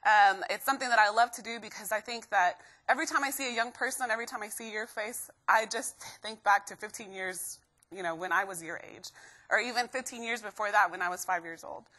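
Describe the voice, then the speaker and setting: Bright, upbeat young woman from Guatemala. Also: mid-range voice, brisk. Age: young adult. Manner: energetic, keeps quizzing the crowd. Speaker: motivational speaker. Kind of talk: live motivational talk to students.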